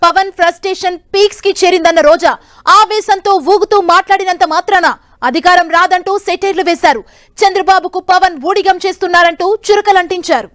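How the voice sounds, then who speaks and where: A woman reading a scripted news voice-over in a brisk, even newsreader manner on a close studio mic. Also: extremely high pitch, no room sound. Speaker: news narrator.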